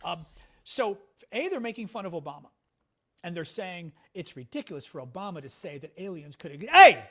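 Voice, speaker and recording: A man's voice: sits high, a little fast. A man hosting a casual political commentary livestream from home, chatty and sarcastic, reading out comments from his chat. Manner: animated, chatty, sarcastic, reads chat aloud. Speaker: livestream host.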